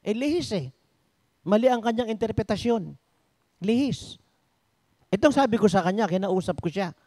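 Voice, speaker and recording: A man preaching a sermon in Tagalog-style storytelling, swinging between high exclamations and low asides. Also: expressive, normal speed, darkish tone, no echo. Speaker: pastor.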